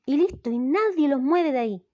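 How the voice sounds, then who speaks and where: This recorded lesson is explained by a middle-aged Chilean woman speaking Chilean Spanish, her high, expressive and warm voice at normal speed in a dry, lo-fi recording. As a language teacher, she keeps checking in with her students using "¿ya?"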